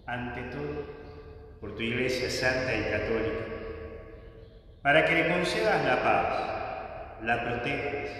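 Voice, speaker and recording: A man leading mass as a priest, intoning the prayers slowly and solemnly, heard in a cathedral echo. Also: medium pitch, pushed and bright. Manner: slow, solemn liturgical intoning. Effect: cathedral echo with long reverb. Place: large church. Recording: echoey church from far off, faint music.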